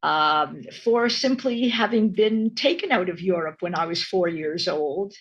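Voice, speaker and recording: A woman in her eighties, born in Romania and raised in Canada, speaking thoughtfully with many pauses as a guest on a video call from her home study. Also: on the low side, lively intonation, slightly rough, rough recording. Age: 80s. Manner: slow, thoughtful, with frequent ums. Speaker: guest, retired professor and author. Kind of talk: interview over video call. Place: home study lined with bookshelves.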